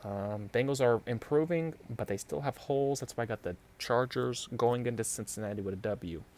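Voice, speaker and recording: A podcast host with a New York accent chats casually about football picks, halting often with lots of fillers and restarts. His voice is mid-range with a darkish tone.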